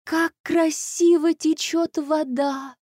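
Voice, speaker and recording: A woman voicing an excitable young sparrow girl who wails about her phone. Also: measured pace, no room sound, studio quality. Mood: shrill, upset. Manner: shrill, wailing.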